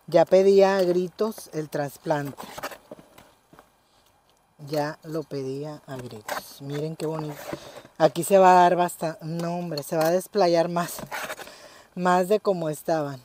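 A woman's voice: deep voice, fairly even intonation, slow pace, pauses often, dark tone, a little hiss or hum. A woman talking casually in a home gardening vlog, fussing tenderly over a plant and often telling viewers to look. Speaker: gardening vlogger.

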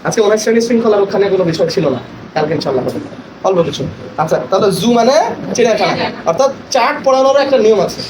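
A man training teachers in a workshop, asking questions and spelling words aloud slowly. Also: high-pitched, lively intonation. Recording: echoey room with loud background noise.

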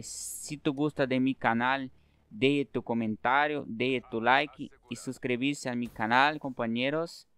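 Male gaming creator, Brazilian accent, native Portuguese, smooth clear voice, simple non-native phrasing for gameplay commentary. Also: medium pitch, a bit bright.

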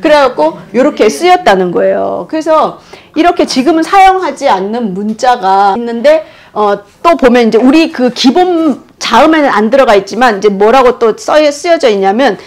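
A woman giving an animated history lecture, demonstrating old pronunciations aloud and laughing often. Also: fairly high pitch, normal speed, a little hiss or hum. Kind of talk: explanatory lecture.

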